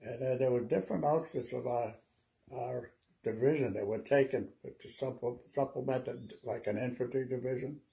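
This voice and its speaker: An elderly man in his nineties with a dark, relaxed voice. He speaks as an old veteran remembering his service, telling stories conversationally. His recollection is halting and wanders, with words often repeated. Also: medium pitch, creaky, poor audio. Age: 90s. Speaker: WWII veteran interviewee. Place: small living room at home, seated.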